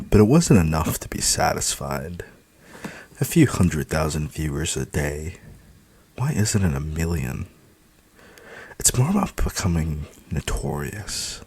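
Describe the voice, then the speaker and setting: A man narrates a novel in the first person, wry and cynical in tone. His voice is very low and husky. The recording is dry and close to the mic. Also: a little mellow, no room sound. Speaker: audiobook narrator.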